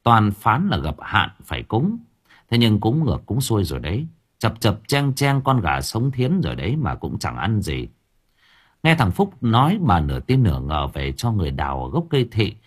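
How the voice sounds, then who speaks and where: Husky male storyteller with a lively voice. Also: lowish voice, moderate pace. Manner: expressive, dramatic reading. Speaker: audiobook narrator. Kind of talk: storytelling narration.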